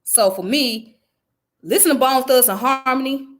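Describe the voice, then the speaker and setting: A woman's voice: high-pitched, normal speed. Blunt profane woman vlogger. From US South. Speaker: channel host. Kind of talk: casual commentary vlog.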